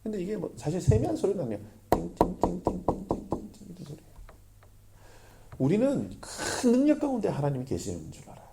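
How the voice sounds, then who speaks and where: A man preaching a sermon as pastor, lively, often asking the congregation questions. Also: high-pitched, fast talker, creaky, noisy background.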